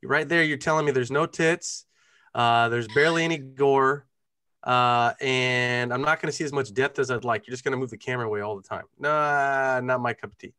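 A man gives crude, blunt opinions in casual podcast chat. His voice is bright and forceful at a middle pitch, recorded dry and close on a video call. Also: steady tone, fairly quick, smooth, no room sound. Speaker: film podcast panelist.

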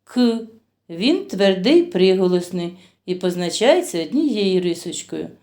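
A woman's voice: on the low side, very animated, warm tone. A woman teaching a phonics lesson to young children. She stretches out each word as she sounds it, asks them questions and praises them. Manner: slow, drawn-out sounding of words for children. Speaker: kindergarten teacher.

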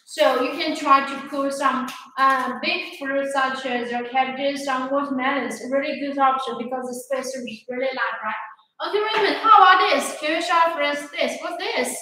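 A young woman with a high, pushed, bright voice presents products at a moderate pace on a livestream demo, staying upbeat and greeting viewers by name. She's a sales presenter in a large, echoey warehouse showroom, and the recording carries that echo along with faint background noise.

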